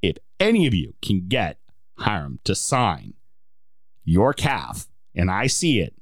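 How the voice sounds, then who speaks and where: A man's voice: sits low, wildly swooping pitch, slow pace, dry recording, studio quality. A man hosting a casual sports podcast, with joking, rambling, self-deprecating banter. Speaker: podcast host.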